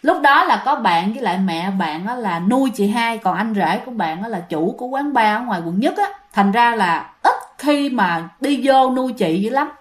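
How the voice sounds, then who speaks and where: A woman's voice: a little high, expressive, moderate pace, hardly any pauses. A woman telling a ghost story in a chatty way, talking straight to her listeners. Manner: chatty, addresses listeners directly. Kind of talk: casual ghost story narration.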